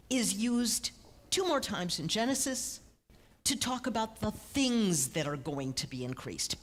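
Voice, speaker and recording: A woman rabbi giving a conversational teaching sermon in a church, joking with the congregation. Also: medium pitch. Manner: lively, conversational, jokes with the congregation. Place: church sanctuary.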